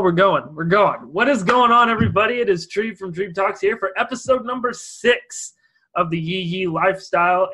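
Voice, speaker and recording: Young male host from Idaho, higher voice, bright and forward tone, chatty. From Idaho, USA. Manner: loose, filler-heavy questions. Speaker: podcast host. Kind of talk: casual interview chat.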